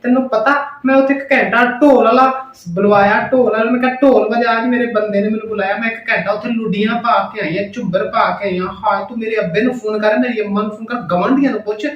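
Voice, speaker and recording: Comedy skit aunty, played by a woman: Pakistani Punjabi, high-pitched, loud, excitable, melodramatic exclamations, echoey room. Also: quick pace, hardly any pauses, highs cut off, close to an everyday voice. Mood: indignant, dramatic. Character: loud, dramatic, excitable village aunty and wife. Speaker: actor in a family comedy vlog. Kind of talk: family comedy skit acting. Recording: roomy echo with clear background noise.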